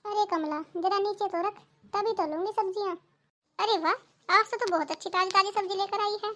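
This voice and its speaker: A woman's voice: very high voice, fairly quick, sharp tone. A woman voicing a self-pitying old widowed mother-in-law in a cartoon, complaining and lamenting. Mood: friendly. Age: older. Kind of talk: cartoon voice acting.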